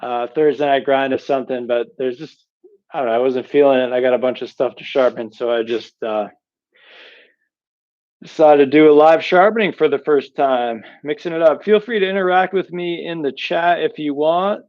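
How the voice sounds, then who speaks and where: A man's voice: on the high side, moderate pace, lo-fi sound. A man hosting a casual live stream from his workshop, chatting to viewers through a headset mic while he works. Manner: rambling, chatty, talks to viewers while working. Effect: livestream headset mic audio. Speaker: knife sharpening host. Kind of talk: casual livestream chat.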